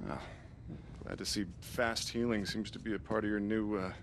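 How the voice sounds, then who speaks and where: An actor playing a worried, awkward man in a video game, talking in a halting, hesitant way. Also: on the low side, fairly even intonation, slight background noise, natural voice. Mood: awkward, cautious. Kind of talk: naturalistic video game acting.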